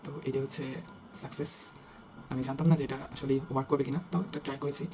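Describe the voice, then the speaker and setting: Man, quick casual how-to talk, flat delivery, step-by-step, music in the background. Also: medium pitch, rough recording. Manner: talks step by step, checking in with "right?"; hesitant, with searching fillers while judging sound. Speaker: DIY tutorial host.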